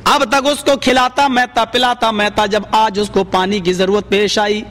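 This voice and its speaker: A preacher voicing a stern divine voice that rebukes a prophet, solemn and raised. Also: male voice, high-pitched, fairly even intonation, a bit bright, long reverb tail, faint music behind. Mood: rebuking.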